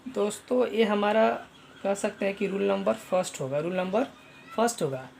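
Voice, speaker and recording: A man's voice: high voice, moderate pace, gravelly, a little mellow, a little hiss or hum. A man teaching an online pronunciation lesson, spelling out letters and repeating each sound, often addressing viewers as friends.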